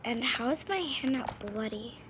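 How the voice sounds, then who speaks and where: Recorded through a phone microphone in a noisy amateur screen capture, a young gaming-channel host makes up role-play narration as she plays. She speaks at a moderate pace, and her slightly high voice is animated, with a playful sing-song lilt.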